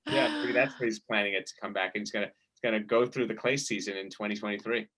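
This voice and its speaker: A man's voice: on the low side, fairly even intonation, quick pace, crowd noise. A man co-hosting a tennis podcast, joking casually. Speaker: podcast co-host.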